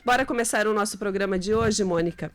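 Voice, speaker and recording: A woman's voice: mid-range voice, fast. Woman radio host, friendly studio chat, easy mid voice. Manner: chatty, friendly, often adds tag questions. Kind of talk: live radio talk show. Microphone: studio microphone.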